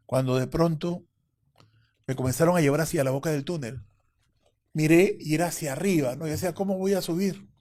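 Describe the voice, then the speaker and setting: A man's voice: fairly high pitch, darkish tone. A man as an interview guest, telling a personal story vividly and acting out the voices of others.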